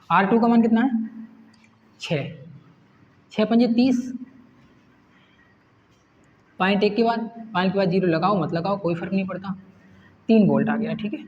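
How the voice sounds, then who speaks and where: A male teacher explaining a problem step by step, putting questions to the class and answering them himself. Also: sits high. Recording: echoey room, dull lo-fi sound, faint hiss.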